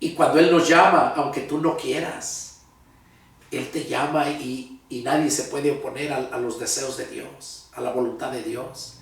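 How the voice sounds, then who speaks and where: A man's voice: mid-range voice, fairly even intonation, a little slow, vocal fry. An older man from Mexico with a Mexican Spanish accent, a pastor telling his personal testimony in an earnest, heartfelt way. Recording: very echoey room, voice far from mic.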